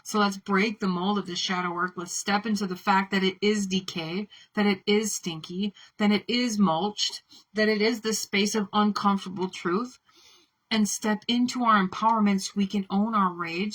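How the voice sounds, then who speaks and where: A woman's voice: mid-range voice, steady tone, normal speed, a bit bright, rough recording. A woman delivering an impassioned spiritual monologue, fiery and profane, building repeated chant-like affirmations. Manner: fiery, swearing, chant-like repetition. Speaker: spiritual speaker.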